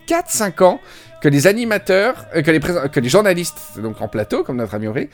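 A man hosting a podcast, chatting casually and telling an animated story, imitating how place names are pronounced. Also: a little high, a little fast, faint music behind. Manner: animated storytelling, mimics pronunciations. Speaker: podcast host. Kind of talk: casual chat.

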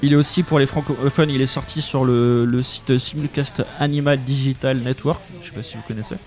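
A man's voice: mid-range voice, fairly even intonation, a little fast, a little mellow, faint music behind. A man co-hosting a radio chat, hesitant and stumbling over hard names. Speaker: radio co-host. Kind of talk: casual chat.

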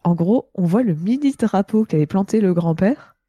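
A woman in her twenties with a hoarse, cracked, gravelly voice from a slight cold, chatting casually on a panel. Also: medium pitch, lively intonation, normal speed, warm tone, no room sound, studio quality. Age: 20s. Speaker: podcast panelist reading out reviews. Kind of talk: casual chat.

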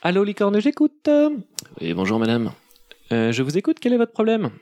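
A man's voice: sits high, huge pitch swings, normal speed, a little mellow, no echo, pitched above the performer's own voice. A man voicing a fussy, impatient unicorn hotline operator in a comedy sketch, with a prim, exasperated phone manner.

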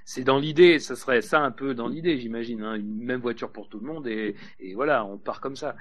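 A man's voice: mid-range voice, a little fast. A man on a panel show, talking in a casual, hesitant way with many fillers and restarts. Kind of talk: casual podcast discussion.

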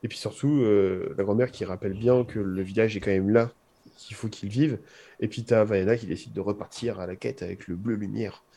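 Mellow-voiced young man musing on film music. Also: on the low side, steady tone, brisk, vocal fry, slightly rough. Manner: rambling, hesitant analysis with jokey asides. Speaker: podcast co-host. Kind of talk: casual music chat.

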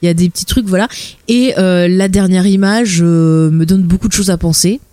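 A woman's voice: on the low side, moderate pace, dark tone, dry recording. A woman from France, co-hosting a podcast and chatting casually and playfully as she recaps a series. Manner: chatty and playful, drifting into playful voices for characters. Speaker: podcast co-host.

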